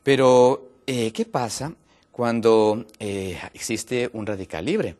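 This health program guest, a man from Ecuador, walks through a topic with patience, frequent pauses, and plenty of fillers. His voice has a medium pitch and a slightly mellow quality.

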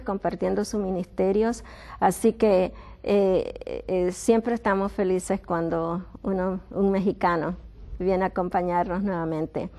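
A middle-aged woman hosting a TV health show welcomes and interviews a guest in a friendly way, often hesitating and restarting her sentences. Her voice is medium-pitched, gravelly and warm.

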